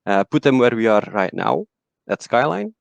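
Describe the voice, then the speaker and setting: Speaking at normal speed in a medium, gravelly voice with a creaky edge, this West Flemish man from Belgium, whose first language is Dutch, is a guest discussing his agile coaching work in casual interview talk. He restarts often and tells stories in a relaxed, self-mocking way. The audio is dry and close, like a video call, with no room sound.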